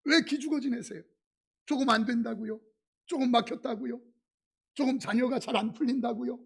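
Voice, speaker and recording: A middle-aged male pastor preaching a sermon, telling stories dramatically with sudden loud exclamations and leading the congregation in call-and-response. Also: extremely high pitch, fairly even intonation, moderate pace, vocal fry, slightly rough. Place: church sanctuary.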